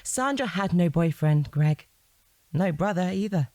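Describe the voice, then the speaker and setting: An actress voices a shrewd, composed police detective in an audio drama, questioning a suspect in a controlled yet insistent way. Her female voice is lowish, animated and darkish in tone, at a measured pace with no echo, and her mood is firm and pressing.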